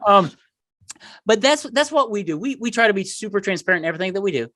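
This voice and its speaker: A middle-aged man chatting as a podcast guest, with very lively pitch swings. His delivery is emphatic and self-deprecating, and the sound is dry and close. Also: fast, no echo. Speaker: podcast guest, marketing entrepreneur. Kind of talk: conversational interview storytelling.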